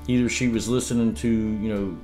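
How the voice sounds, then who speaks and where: A fairly low, warm male voice with fairly even intonation moves a little fast over soft background music, and the recording quality is low. He's a fifty-something homesteading vlogger at his dining table indoors, filmed from across the table. His casual, rambling stories come with laughs and frequent restarts.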